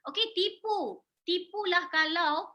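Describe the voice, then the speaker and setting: A woman's voice: very high-pitched, slow pace, sharp tone. Persuasive Malaysian woman in her forties. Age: 40s. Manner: persuasive, asks the audience questions, mixes in English words. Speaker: beauty salon owner and sales speaker. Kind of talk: sales presentation.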